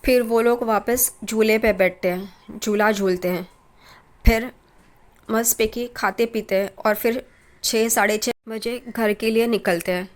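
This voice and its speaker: Higher-voiced woman recapping a TV episode. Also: steady tone, unhurried. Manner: plain storytelling, reads dialogue lines aloud with small restarts. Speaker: TV serial recap narrator. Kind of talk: casual spoken episode recap.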